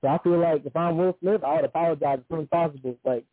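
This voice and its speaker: A man's voice: fairly high pitch, steady tone, quick pace, no echo. A man calling in over a muffled bluetooth phone connection that sounds underwater, talking loosely with lots of "like" fillers. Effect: muffled bluetooth phone line, sounds underwater. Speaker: caller. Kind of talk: casual call-in opinion. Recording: muffled dry phone-line call.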